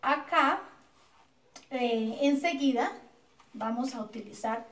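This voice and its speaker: In a classroom recording with heavy echo, a schoolteacher with a Colombian Spanish accent and a high voice takes her time on a grammar lesson, patiently repeating words and checking with students. She is far from the mic.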